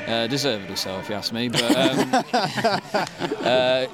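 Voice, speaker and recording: A man's voice: mid-range voice, moderate pace, over music. A man in his thirties with a Manchester accent, chatting casually in an interview with lots of ums and restarts. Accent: Mancunian. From England. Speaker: football fan interviewee. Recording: crowd noise behind.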